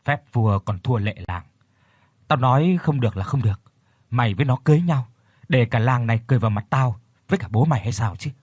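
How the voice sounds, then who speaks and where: A man voicing an older village mother who wails and scolds her daughter with a sharp tongue. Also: mid-range voice, sing-song, normal speed, slightly rough, dry recording, studio quality. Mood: scolding.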